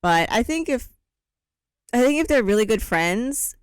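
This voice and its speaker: A woman's voice: a little high, sing-song, a little slow, clean tone, no room sound, clean studio sound. A woman in her thirties co-hosting a podcast in casual chat, talking in an easygoing, rambling way with plenty of fillers. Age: 30s. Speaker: podcast co-host.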